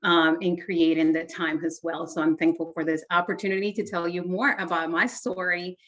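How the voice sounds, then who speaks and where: A woman with a fairly low, fairly bright voice gives a flat delivery at a moderate pace during a casual interview where she is the guest. She is from Honduras, in her forties, and speaks Spanish natively; her manner is earnest and reflective, marked by frequent fillers and restarts.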